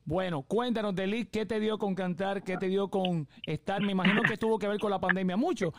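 High-voiced Puerto Rican radio host. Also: male voice, fairly even intonation, brisk, slight background noise. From Puerto Rico. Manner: upbeat, enthusiastic, many fillers like "eh" and "este". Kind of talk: live radio interview.

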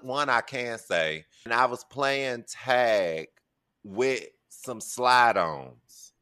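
An American man with a deep voice co-hosting a podcast, asking questions and trading anecdotes in casual chat. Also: expressive, drawn-out words, pushed and bright, clean tone. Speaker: podcast co-host.

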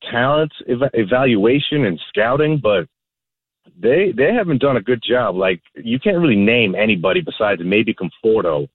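A man calling a sports radio show over a phone line, talking casually in a halting, repetitive, exasperated way. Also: mid-range voice, expressive, breathy edge, dry recording. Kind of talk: casual sports fan talk. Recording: narrow, tinny phone line.

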